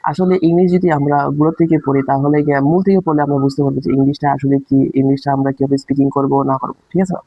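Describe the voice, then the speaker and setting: A man's voice: a little high, warm tone, no room sound, dull audio. A man giving a casual spoken English lesson, explaining with rhetorical questions and sounding out letters aloud. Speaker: English teacher.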